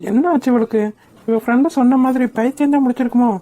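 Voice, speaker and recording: A woman's voice: high voice, fairly even intonation, fast talker, loud music behind the voice, lightly acted. Woman voicing a teasing young cartoon man. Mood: puzzled. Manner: teasing, puzzled. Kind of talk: cartoon voice acting.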